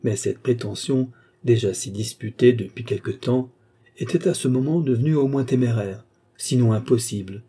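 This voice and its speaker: A man reading a classic novel aloud as an audiobook in a steady, even manner. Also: medium pitch, moderate pace, slightly rough. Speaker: audiobook narrator. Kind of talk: scripted narration of a classic novel.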